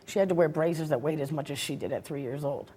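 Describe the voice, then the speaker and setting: A woman's voice: deep voice, fast talker, warm tone, a little hiss or hum. A middle-aged woman speaking as a guest on a talk show, earnest and regretful, turning defensive when challenged. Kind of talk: emotional talk show testimony.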